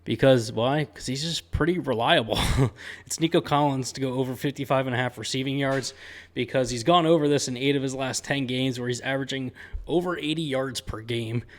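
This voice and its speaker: A man's voice: mid-range voice, brisk. Chatty man talking sports picks. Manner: chatty and upbeat, with frequent "um" and "uh" fillers; slangy, excited sports talk. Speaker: sports betting picks host. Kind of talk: casual betting-picks talk to camera.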